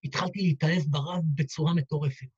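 A man's voice: fairly high pitch, steady tone, slightly rough. A man, a rabbi, telling a heartfelt story in a dramatic sermon style, acting out the dialogue. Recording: dull lo-fi recording.

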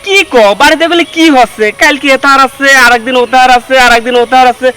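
Cast a very high, bright young husband, chatty and easygoing. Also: male voice, fast talker. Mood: concerned.

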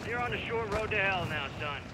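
Taunting mercenary villain. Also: male voice, high-pitched, lively intonation, a little fast, very noisy. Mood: menacing. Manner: taunting, drawling, mixes in Spanish. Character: cocky ruthless male mercenary commander, taunting. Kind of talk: video game dialogue. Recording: game audio under loud gunfire.

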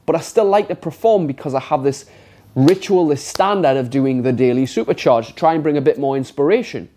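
Speaking unscripted to the camera in an indoor studio with a brick wall, a motivational vlogger in his thirties sounds congested and stuffy-nosed. His medium-pitched, warm voice runs a little fast as he talks frankly and emphatically, swearing often.

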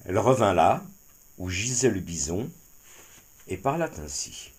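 A man narrating a children's animal tale in an expressive storytelling style. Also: deep voice, a little slow.

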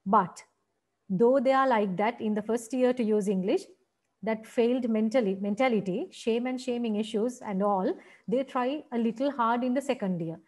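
Sri lankan lady teaching a seminar, kinda high voice, keeps asking right?. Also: normal speed, darkish tone. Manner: explains point by point, repeats words with "right?" checks. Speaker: seminar lecturer. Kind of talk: online teacher-training seminar.

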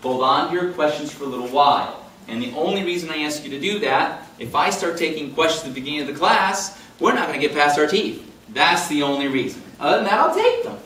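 Lively male lecturer in his fifties, taken from a far camera in a roomy hall, faint hum. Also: a little high, quick pace. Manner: animated, jokey, talks with big hand gestures and quoted voices. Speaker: chiropractor teaching a class. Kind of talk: live classroom lecture. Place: meeting room with projector screen. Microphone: far camera in the room.

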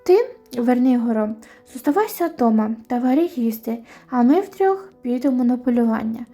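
A woman's voice: on the high side, animated, moderate pace, mellow, faint music behind. A woman voicing a brave young male folk hero who speaks in plain, decisive sentences.

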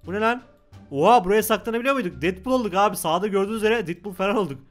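A young man narrating a Let's Play in quick bursts, exclaiming as he plays. His voice sits a little high and moves fast. Faint music plays under him. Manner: excited, exclaiming and talking to the game character. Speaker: gaming YouTuber.

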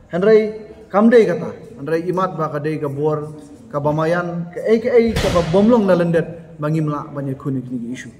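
A man's voice: a little high, darkish tone. A man in his thirties giving an emphatic press conference statement, seated at a table in a bare concrete meeting hall, picked up by a camera in front of him. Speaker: association office-bearer at a press meet.

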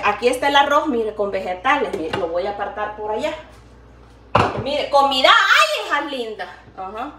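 A woman's voice: high voice, background noise. An older woman, chatting affectionately to camera in her home kitchen, upbeat and laughing often. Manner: chatty and affectionate, calls viewers "niña" and "hija linda". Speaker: vlogger. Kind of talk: casual chat to camera while cooking. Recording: echoey room, mic at some distance.

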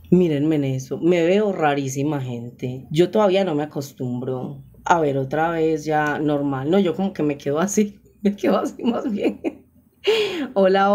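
A young woman with a Paisa accent talks to her live-stream viewers through a phone, chatty and full of exclamations. Her voice sits a little low for a woman, and she laughs often as she goes. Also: a little mellow. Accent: Paisa Colombian Spanish. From Colombia.

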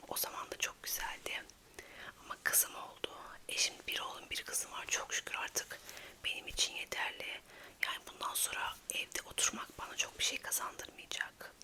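A woman chats casually in a hushed, quiet late-night ASMR whisper. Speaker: ASMR video creator.

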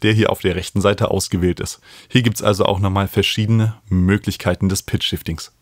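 Working as a host and music production tutor, a man in his thirties explains things step by step in a fairly low-pitched voice. A stand-mounted studio mic captures him up close in a small home studio indoors, with no room sound.

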